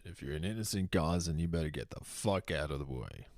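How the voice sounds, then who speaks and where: A man's voice: very deep voice, animated, a little fast, dry recording, clean studio sound. A young man from Boston with a Boston accent, hosting a comedy show in a profane, heated rant. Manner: profane, heated, shouting bursts. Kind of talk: stand-up style comedic rant.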